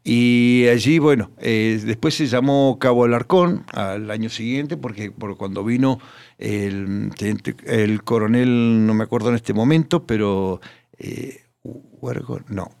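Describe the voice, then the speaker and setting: Guy, gravelly voice, rambling history talk with lots of ums on a radio show. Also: mid-range voice, unhurried, darkish tone. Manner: hesitant, many fillers and restarts. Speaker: guest. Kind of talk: casual radio interview.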